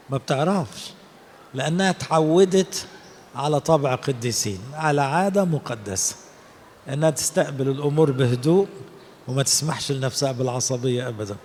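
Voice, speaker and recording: A man's voice: on the high side, darkish tone, in a large hall, slight background noise. A man with an Egyptian Arabic accent, a priest preaching a sermon and telling stories in which he acts out the people he quotes. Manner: storytelling, acting out quoted people. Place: cathedral.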